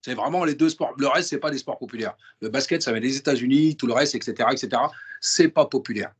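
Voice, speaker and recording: A fast-talking man with a mid-range, slightly rough voice is the guest in an interview. His delivery is animated and slangy, packed with restarts and repetition.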